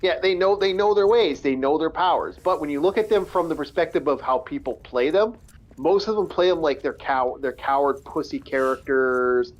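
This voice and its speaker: A man's voice: on the high side, moderate pace, muffled recording. A man casually chatting about fantasy games on a live stream, rambling and swearing freely. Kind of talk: casual chat while gaming.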